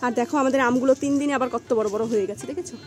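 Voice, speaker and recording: Chatty high-voiced woman vlogger. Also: rapid-fire, music in the background. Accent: Bengali. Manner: chatty, rambling, addresses viewers as friends. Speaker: family vlogger. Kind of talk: casual chat to viewers.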